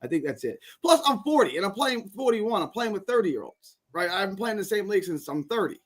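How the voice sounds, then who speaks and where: High-voiced halting man in his forties. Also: very animated. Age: 40s. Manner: halting, repeats words. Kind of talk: casual sports chat.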